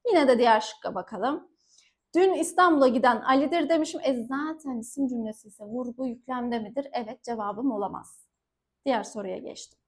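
A woman teacher working through exam questions, asking herself short questions, answering them in quick call-and-response and pausing to warn students directly. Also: a little high. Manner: warns students directly, stressing key words. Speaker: Turkish teacher. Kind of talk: exam-prep lesson, solving questions.

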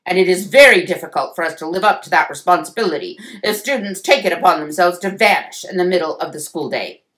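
A woman's voice: fairly low pitch, fast talker, fairly bright tone, lightly acted. A woman voicing a huge, bald, stern male school principal who lectures, in a storybook read-aloud.

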